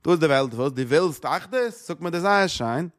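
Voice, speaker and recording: A man's voice: a little high, animated, moderate pace. A man teaching a Torah lecture, repeating phrases and asking rhetorical questions. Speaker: religious teacher.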